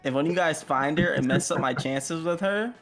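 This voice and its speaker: A man in casual gaming chat, joking and bursting into loud outbursts. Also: a little high, a little fast, faint music behind.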